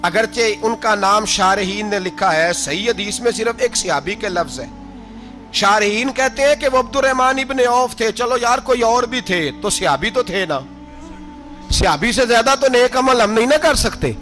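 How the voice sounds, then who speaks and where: A man preaching a sermon with passion, dropping to hushed tones, rising to shouts and breaking into sung verses. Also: high voice, animated, faint music behind. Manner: impassioned, swinging from hushed to shouting.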